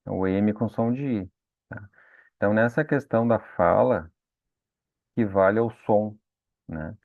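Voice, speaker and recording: A man's voice: on the low side, measured pace, vocal fry, no echo. A man teaching a patient grammar lesson, checking in with his students again and again. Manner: patient, frequent "né?" and "tá?" check-ins. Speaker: Portuguese teacher. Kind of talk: explanatory lesson. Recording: dry, phone-like lo-fi sound.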